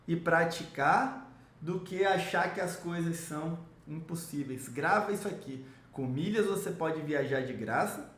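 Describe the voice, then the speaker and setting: Enthusiastic man in a roomy room. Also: fairly bright tone. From Salvador, Brazil. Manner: enthusiastic salesy pitch, addresses viewer directly. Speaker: miles and travel rewards coach. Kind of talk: promotional explainer video. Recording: roomy echo.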